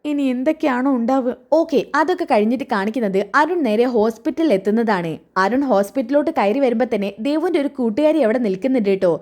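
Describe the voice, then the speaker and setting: A woman's voice: fairly high pitch, lively intonation, fast talker, few pauses, darkish tone. A woman, chattily retelling a TV serial episode and voicing each part herself. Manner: chatty, ends lines with tag particles.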